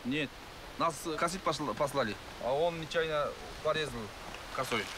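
A man plays a naive, stubborn young Kyrgyz soldier in a war drama. His voice is fairly high, with a Kyrgyz accent and broken grammar, over faint outdoor noise. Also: normal speed, close to an everyday voice. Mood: earnest, defensive. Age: young adult. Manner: broken, ungrammatical speech.

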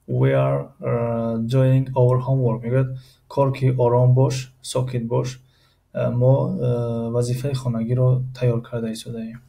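A man with a Tajik accent explaining English grammar, pausing often with filler sounds and reading English examples slowly before translating them. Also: mid-range voice, gravelly, dark tone, low-quality recording. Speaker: English teacher.

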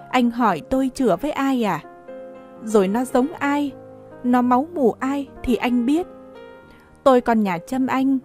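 A woman's voice: fairly high pitch, a little mellow, close to an everyday voice. A woman voicing a proud, desperate pregnant girl of eighteen in an audiobook, pleading and indignant. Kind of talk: audiobook dialogue reading.

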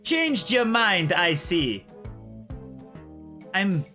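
A man putting on a slow Jamaican mystic woman. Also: high-pitched, very animated, sharp tone, faint music behind, heavily acted. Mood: mysterious. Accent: put-on Jamaican. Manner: slow, drawn-out prophetic delivery. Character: slow mystic fortune-teller woman, ominous.

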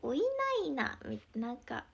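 Young woman with a Mie accent, high bright voice, giggly casual livestream host, slips into whispers. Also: normal speed, vocal fry, husky, highs cut off. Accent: Mie dialect. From Mie Prefecture, Japan. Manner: chatty, giggly, drifts into soft whispers. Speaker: idol livestreamer.

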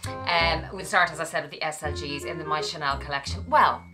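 A woman's voice: sits low, a little fast, music in the background. A woman chatting to camera as a luxury handbag and fragrance vlogger, effusive and full of thanks to her viewers. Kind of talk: casual vlog chat to camera.

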